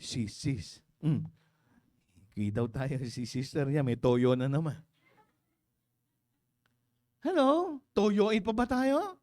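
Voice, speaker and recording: Animated Filipino pastor preaching. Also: male voice, a little high, slow, long pauses. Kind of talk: sermon. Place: church.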